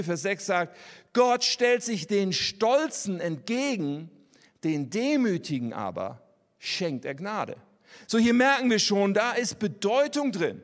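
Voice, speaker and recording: Earnest male preacher with hall reverb. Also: high voice. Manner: earnest, conversational, addresses listeners directly. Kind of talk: sermon.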